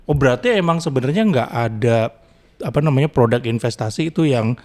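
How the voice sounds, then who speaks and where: A man's voice: mid-range voice, lively intonation, brisk, darkish tone. A man with a Jakarta Indonesian accent in casual podcast chat, chiming in informally with jokes and questions.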